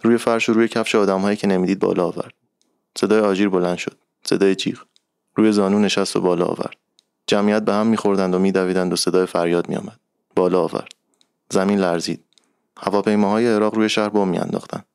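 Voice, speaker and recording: A man narrating a literary short story in a calm, measured reading voice. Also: sits low, vocal fry, clean tone, dry recording, clean studio sound.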